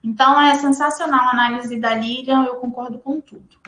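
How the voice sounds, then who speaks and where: A woman from in Brazil, speaking reflectively and in an even tone as a panelist in a live discussion. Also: high-pitched, fairly quick, roomy sound. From Espírito Santo, Brazil.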